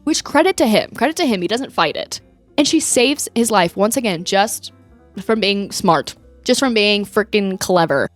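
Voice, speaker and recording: Animated young woman retelling a film. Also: medium pitch, normal speed, soft background music. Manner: animated, acts out quotes with laughs. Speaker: podcast co-host. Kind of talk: casual chat retelling a film.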